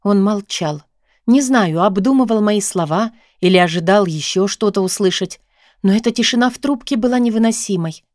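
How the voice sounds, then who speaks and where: A woman narrating a novel in the first person, in a steady, even storytelling manner. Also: mid-range voice, normal speed, dry recording, studio quality. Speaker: audiobook narrator.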